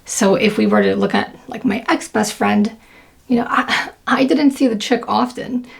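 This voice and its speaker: A woman's voice: medium pitch, moderate pace, creaky. A young woman talking casually to camera, chatty and full of fillers. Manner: chatty, lots of fillers and laughs. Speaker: video creator.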